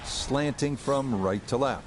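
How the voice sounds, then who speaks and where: A man's voice: medium pitch, slow pace, a little hiss or hum. A man working as lead golf commentator, giving play-by-play of each shot.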